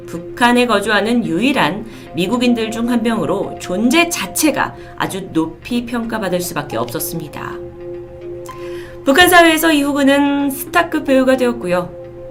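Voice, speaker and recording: Lively woman storyteller over faint music. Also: on the high side. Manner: polite presenter phrasing. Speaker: host of a storytelling video channel. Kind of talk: explanatory storytelling narration.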